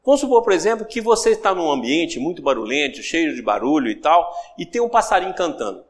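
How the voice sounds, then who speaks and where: Talking fast in a slightly high voice, this Brazilian Portuguese-accented lecturer teaches a recorded self-development course in a conversational way, repeating phrases for emphasis and animatedly voicing everyday examples. The audio carries a long reverb tail and slight background noise.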